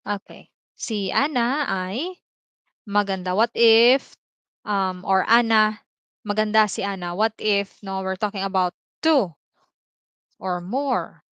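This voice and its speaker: A woman with a Filipino accent teaching a language lesson on a livestream, explaining slowly with many repeated examples and tag words. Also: medium pitch, a bit bright, clear, resonant tone, dry recording. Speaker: Tagalog teacher.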